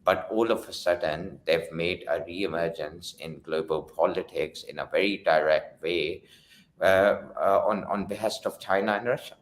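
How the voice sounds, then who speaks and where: A man hosting a casual political discussion who talks haltingly and often repeats his opening words. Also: low-pitched. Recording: roomy echo.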